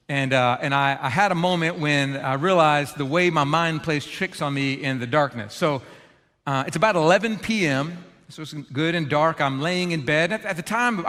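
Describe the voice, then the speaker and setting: A man preaching a storytelling sermon, animated and self-deprecating, in a large church auditorium. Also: on the high side. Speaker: pastor. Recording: long reverb of a large church hall.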